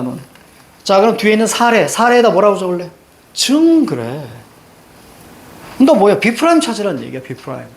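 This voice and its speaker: A man's voice: high voice, darkish tone. A man lecturing to a class, drilling students with rhetorical questions and short, emphatic commands. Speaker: Korean reading teacher. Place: classroom with a blackboard.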